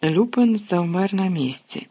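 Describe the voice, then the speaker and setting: An audiobook narrator who reads with expressive, dramatic delivery. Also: medium pitch, measured pace, slightly rough. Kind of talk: scripted narration.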